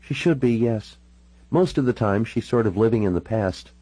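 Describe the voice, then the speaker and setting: A man's voice: fairly low pitch, expressive, normal speed, mellow, breathy edge, dry recording, voice pushed up. A man voicing a polite, direct young woman in an audiobook. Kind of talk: audiobook character voice.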